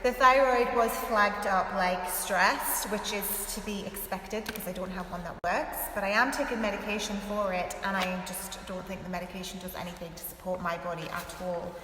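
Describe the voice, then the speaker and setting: A woman's voice: mid-range voice, steady tone, moderate pace, hardly any pauses, sharp tone. Chatty woman vlogging, rambly with lots of likes and ums, big hall echo, sounds a bit far from the mic. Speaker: health author and vlogger. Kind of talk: casual vlog talk to followers. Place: echoey room. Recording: big echoey room, distant from mic, faint hiss.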